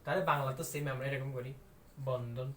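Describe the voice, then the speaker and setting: A man's voice: medium pitch, fairly even intonation, a little fast, a little hiss or hum. A man teaching an online exam-prep lesson, emphatic and repetitive, often asking his viewers whether they follow.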